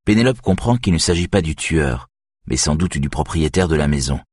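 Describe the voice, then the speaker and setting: Deep husky male audiobook narrator. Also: expressive, normal speed, a little mellow, no echo, clean studio sound. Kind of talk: scripted narration.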